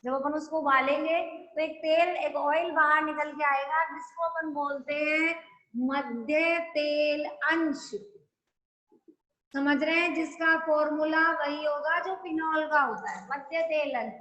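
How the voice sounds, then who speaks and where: Bright high-voiced woman teaching chemistry. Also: fairly even intonation, moderate pace. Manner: explains step by step, keeps asking the class if they follow. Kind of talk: classroom lecture. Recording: echoey room.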